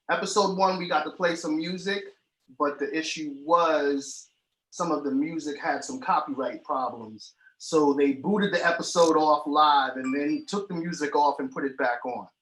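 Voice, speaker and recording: A man hosting a casual live-stream chat show, loud and joking. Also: a little high, normal speed. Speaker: host. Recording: echoey room, faint noise.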